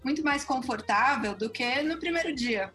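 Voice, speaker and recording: A Brazilian woman who teaches, interviewing in a measured, reflective way, with faint music underneath. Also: high-pitched, lively intonation, fairly bright tone. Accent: Brazilian Portuguese. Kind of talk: casual interview conversation.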